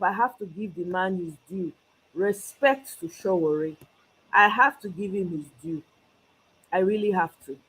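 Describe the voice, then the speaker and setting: Speaking from outside Nigeria, this woman hosts a one-person political commentary show, switching fervently between Pidgin and English. She has a medium-pitched, slightly rough voice, captured in low-quality audio.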